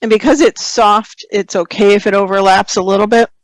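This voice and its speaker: Speaking fairly quickly at a medium pitch, a slightly hoarse woman leads a screen-share software tutorial for a photography webinar, clearing her throat at times. She stays relaxed, explaining as she works and reading viewers' questions aloud. The recording is dry and low in quality.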